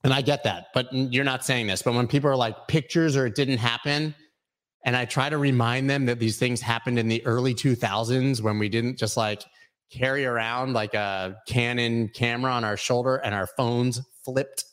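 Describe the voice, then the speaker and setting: A man's voice: medium pitch, fairly even intonation, moderate pace, a bit bright. Forties male host, casual rambling live-stream banter with jokes. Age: 40s. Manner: rambling, jokey, reads chat comments aloud. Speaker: crypto show host.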